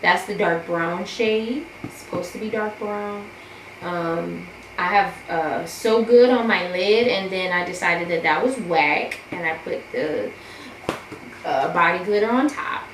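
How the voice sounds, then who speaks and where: A woman's voice: lowish voice, measured pace, fairly bright tone. A young woman vlogger, rambling casually and joking about herself as she does her makeup. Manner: chatty, self-deprecating, rambling with many fillers. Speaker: beauty vlogger. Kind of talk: casual get-ready-with-me chat. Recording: echoey room with background noise.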